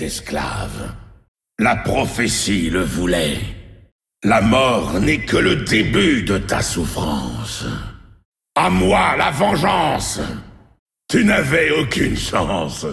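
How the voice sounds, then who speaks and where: An actor playing a cruel, mocking male demon lord in a video game, with a deep gravelly growl and a slow, menacing, taunting delivery. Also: a bit bright, exaggerated voice. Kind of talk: French video game dub voice lines. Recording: roomy game audio with echo.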